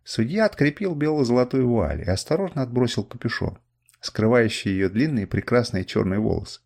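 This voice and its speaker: A male audiobook reader tells a first-person story with a husky voice. His pitch rises and falls expressively through the narration. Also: lively intonation, fairly quick, darkish tone.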